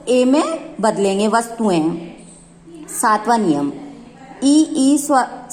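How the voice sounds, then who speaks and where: A woman's voice: on the high side, darkish tone. Woman teaching a grammar lesson. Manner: explains step by step, repeating examples.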